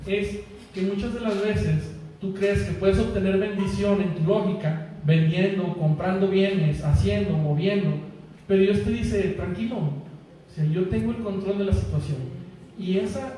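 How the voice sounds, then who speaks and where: Man, Mexican accent, preacher, chatty jokey sermon, high voice, far-off mic. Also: dark tone, slight background noise. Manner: jokey, chatty storytelling, laughs at his own jokes. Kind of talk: sermon with a personal story. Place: church hall. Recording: echoey church hall, mic from far off.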